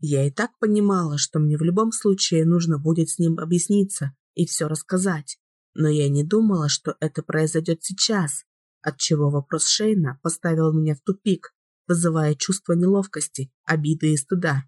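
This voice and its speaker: A woman narrating a first-person romance novel in a steady, measured way. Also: sits low, dry recording, clean studio sound. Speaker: audiobook reader.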